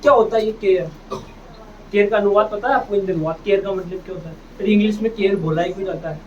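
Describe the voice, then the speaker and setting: A man's voice: high-pitched, fast talker, a little mellow. A man teaching English phonics to a classroom, drilling each word by repeating it and asking the students back, and calling them "beta". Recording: distant, dull, noisy classroom recording.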